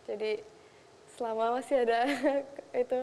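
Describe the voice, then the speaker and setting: A woman's voice: on the high side, flat delivery, moderate pace, gravelly, warm tone, big-room sound, a little hiss or hum. A young Indonesian woman, a makeup artist, chatting casually in a talk show interview and mixing in English phrases. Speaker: makeup artist and content creator.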